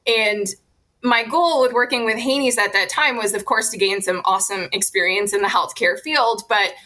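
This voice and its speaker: A woman guest on an interview podcast, explaining her research in a relaxed, explanatory way with frequent fillers. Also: mid-range voice, normal speed, low-quality recording.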